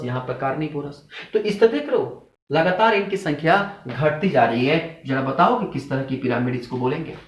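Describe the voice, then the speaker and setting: Man, teacher, mid pitch, quizzing his class, animated emphasis, echoey room. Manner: asks students questions and answers them himself; animated, rises and drops in pitch to stress points. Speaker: zoology teacher. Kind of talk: classroom lecture.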